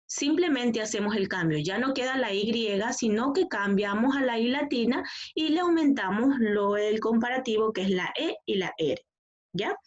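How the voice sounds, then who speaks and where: A woman's voice: a little high, expressive, normal speed. A woman teaching an English grammar lesson in Spanish over a video call, with an Ecuadorian accent. She explains patiently and keeps checking whether her students follow. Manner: patient, repeats "¿ya?" and "¿verdad?" to check understanding. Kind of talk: online class explanation. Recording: dull lo-fi video call audio.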